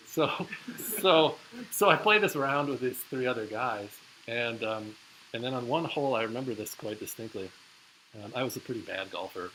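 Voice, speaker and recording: A man's voice: fairly low pitch, sharp tone, low-quality recording. A man professor telling a personal story to his class in a casual, chatty way, with many fillers. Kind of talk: casual closing lecture story. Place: lecture hall. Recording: hissy lecture recording.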